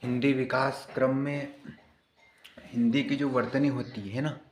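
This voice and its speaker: A man's voice: medium pitch, flat delivery, a little slow, slight background noise. A man teaching grammar in an online exam-prep class, explaining patiently and repeating key points with frequent checking questions.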